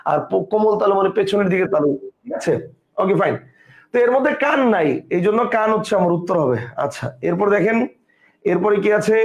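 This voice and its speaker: Quick, high-voiced male teacher. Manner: explains step by step, asks and answers his own questions; mixes English words into his speech. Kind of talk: exam-prep grammar lesson.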